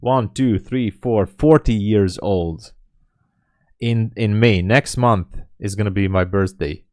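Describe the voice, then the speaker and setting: On his live trading stream, a late-thirties man with a deep, low, darkish voice talks slowly and casually, reacting to viewer comments with chatty, candid, self-deprecating honesty. The audio is close and dry, with almost no room echo.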